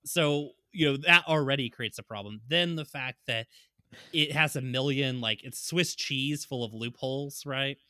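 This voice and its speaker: Bright-voiced man, rambling casual talk. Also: medium pitch, moderate pace, no echo, clean studio sound. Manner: rambling, chuckling, many fillers. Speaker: podcast co-host. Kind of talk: casual political chat.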